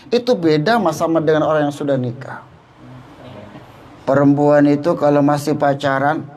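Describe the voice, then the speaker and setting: Man, high voice, humorous preacher, talks straight to listeners. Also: a little mellow. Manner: jokey, addresses listeners directly, mixes in Javanese phrases. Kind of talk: humorous religious talk.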